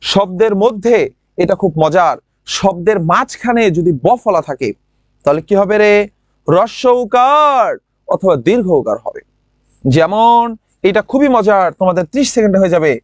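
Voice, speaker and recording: A man with a regional Bangladeshi lilt teaching a grammar class online. He drills words by saying them slowly again and again and keeps asking his students questions. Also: high-pitched, expressive, no room sound. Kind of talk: online admission-prep class.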